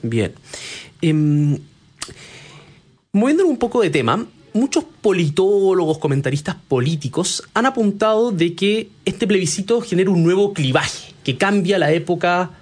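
A man's voice: high-pitched, animated, moderate pace. A man interviewing a guest, setting up his questions with background before asking them.

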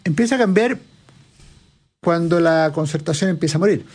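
A man with a notably high voice, speaking as an analyst in an interview. He explains at length in a lecturing manner, raising his own questions and answering them point by point. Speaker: political analyst guest.

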